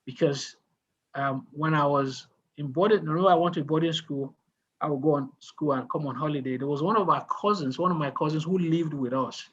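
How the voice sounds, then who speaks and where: A man's voice: on the high side, fairly quick, fairly bright tone, highs cut off. A man, mentoring a group in casual talk on a video call, asking questions and telling stories with many restarts. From Nigeria.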